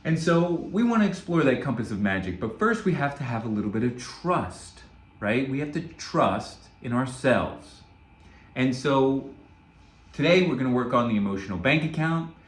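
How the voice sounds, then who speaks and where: A man of middle pitch gives an earnest self-help lesson that drifts into storytelling and keeps asking "right?". His voice carries a noticeable room echo, as if he is speaking in a bare room. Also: lively intonation, moderate pace. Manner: earnest, storytelling, frequent "right?" check-ins. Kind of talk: spoken motivational teaching with a story.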